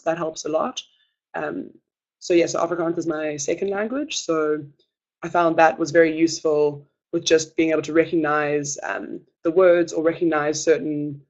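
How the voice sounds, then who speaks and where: A young adult student presents a webinar in a reassuring manner, pausing often with hesitant fillers. The voice is medium-pitched and a little mellow, and the audio sounds dull.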